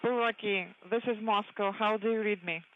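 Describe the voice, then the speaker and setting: A woman's voice: mid-range voice, steady tone, moderate pace. Woman hailing over tinny radio. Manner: clipped call-sign radio hails. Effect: crackly radio comm loop. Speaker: mission control radio operator. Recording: tinny noisy radio line.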